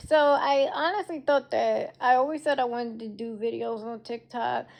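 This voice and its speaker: A woman's voice: fairly high pitch, fairly even intonation, measured pace, vocal fry. A woman with toothless, lisping, slightly slurred articulation gives a candid, emphatic opinion in a casual live video monologue. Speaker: social media video creator.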